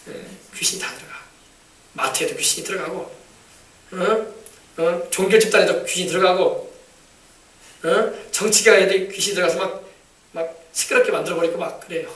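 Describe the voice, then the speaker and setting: A man preaching a sermon, emphatic and shouting commands at demons, often asking the congregation for replies. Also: high-pitched, moderate pace, long pauses. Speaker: pastor. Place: church sanctuary. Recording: echoey church, mic from a distance.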